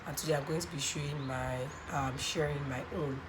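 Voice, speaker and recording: Here a skincare vlogger from Nigeria, her voice croaky from a cold, chats on camera about a skincare product, full of ums and okays. She speaks a little fast in a low pitch with fairly even intonation. Cars pass audibly outside the sunny window of her home room, which sits near a road.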